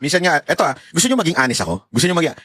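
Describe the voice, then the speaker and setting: A man's voice: a little high, very animated, racing, bright, forceful tone, a little hiss or hum. A man giving heated, sarcastic political commentary to his viewers in a vlog, swearing and laughing often and mixing English phrases into his talk.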